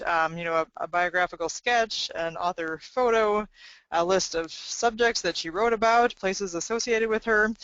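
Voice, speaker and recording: A woman's voice: on the low side, a bit bright, dry recording, dull audio. A woman presenting a library webinar in a conversational way, with frequent fillers.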